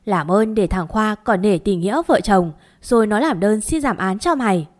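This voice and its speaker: A woman's voice: mid-range voice, lively intonation, moderate pace, darkish tone, natural voice. Woman playing a stern sister-in-law, storybook, raised voice, accusing. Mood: reproachful. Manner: cold, tearful reproach.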